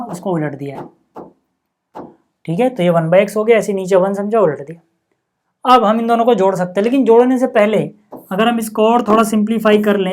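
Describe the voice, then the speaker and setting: Patient maths teacher explaining step by step. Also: male voice, high-pitched. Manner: patient, asks the class rhetorical questions then answers them; frequent checking-in with "okay" and "see". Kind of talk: step-by-step blackboard-style maths lesson.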